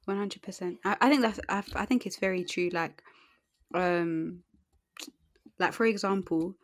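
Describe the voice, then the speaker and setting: A woman's voice: lowish voice, fairly even intonation, unhurried, dry recording, studio quality. A young woman co-hosting a podcast in slangy, playful banter, often repeating phrases for emphasis. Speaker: podcast co-host.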